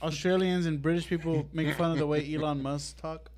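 Slangy young man, slightly high voice. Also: steady tone, brisk, a little mellow. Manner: laid-back, slangy, laughs often. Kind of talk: casual chat.

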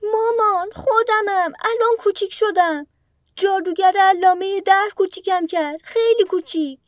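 A woman doing a high little boy kangaroo. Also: no echo, studio quality. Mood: anxious, pleading. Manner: raised childlike voice. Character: young boy kangaroo, anxious, wishful.

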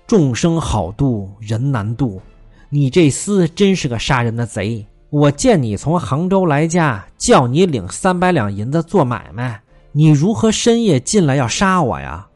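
A man's voice: a little high, very animated, normal speed, soft background music. A man voicing a domineering rich master in a storytelling performance, bellowing accusations. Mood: furious.

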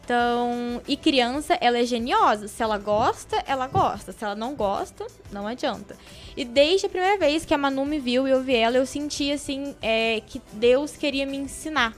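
Young adult woman, podcast guest; lively, heartfelt storyteller, slightly high pitch. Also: moderate pace, soft background music. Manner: animated, emotional storyteller who acts out quoted voices.

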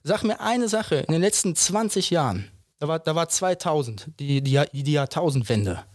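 A man in his thirties with a slightly raised voice talks bluntly in a relaxed podcast chat. He hammers his points with rhetorical questions and repeats them for weight. The recording is dry and close, with no room sound. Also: a little high, moderate pace, dry recording. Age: 30s. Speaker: podcast co-host. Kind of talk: casual chat.

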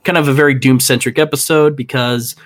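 Man, podcast co-host, casual chat, rambling, mid pitch. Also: fairly even intonation, fairly quick. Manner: rambling, many fillers and restarts.

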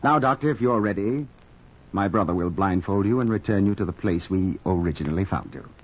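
An actor playing a sinister aristocrat who threatens with smooth, menacing politeness, in 1940s radio acting on a muffled old transcription. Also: male voice, deep voice, a little fast. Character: sinister aristocratic older brother, coldly threatening.

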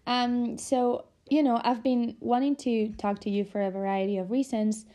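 A woman's voice: a little high, flat delivery, moderate pace, mellow. A young adult woman hosting a podcast, introducing her guest in a friendly way with frequent ums. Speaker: podcast host.

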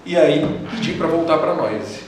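A man's voice: fairly high pitch, animated, normal speed. A man speaking as a guest in a casual interview, telling his stories with frequent hesitant restarts. His voice bounces around a very echoey room. He sits back from the microphone, with faint noise underneath. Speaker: guest, engineer. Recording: roomy echo, distant from mic, faint noise.

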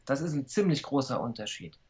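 A man's voice: medium pitch, brisk. Man explaining over a dull call line. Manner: explanatory, calm, gives examples. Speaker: body language expert guest. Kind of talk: remote interview over video call. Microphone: video call.

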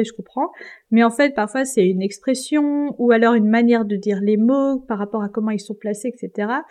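Chatty young woman with a mellow voice. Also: fairly high pitch. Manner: chatty and self-deprecating, many fillers. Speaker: podcast host. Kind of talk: casual solo podcast chat.

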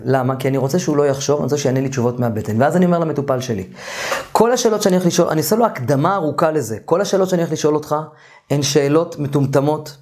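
A man teaching a therapy course in an informal, animated lecture. He often trails off and restarts his sentences, and at times raises his voice to act out sessions with clients. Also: a little high.

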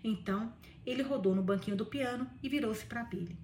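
A woman's voice: on the high side, fairly quick, a little mellow, roomy sound, distant mic, slight background noise. A woman with a Brazilian accent reading a novel aloud for a book club, breaking off into gushing asides to her listeners. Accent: Brazilian Portuguese.

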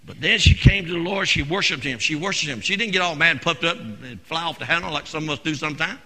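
Man, Pentecostal preacher, very bright voice, long church reverb. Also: quick pace. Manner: preaches in shouted bursts, then drops to low, conversational asides. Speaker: senior pastor. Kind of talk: Pentecostal sermon. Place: church sanctuary.

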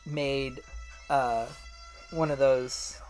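Low-voiced chatty woman. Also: fairly even intonation, very slow, a little mellow, soft background music. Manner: chatty, trailing off and restarting mid-sentence. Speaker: co-host. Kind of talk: casual watch-along chat.

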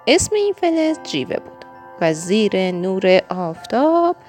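A woman narrating a children's storybook in a gentle, expressive reading. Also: medium pitch, soft background music.

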